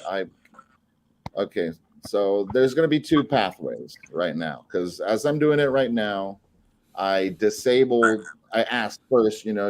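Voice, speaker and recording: Costa Rican man, low-voiced, rambling. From Costa Rica. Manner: relaxed, rambling with restarts and laughs. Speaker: guest, flow artist and saber maker. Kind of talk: casual podcast interview.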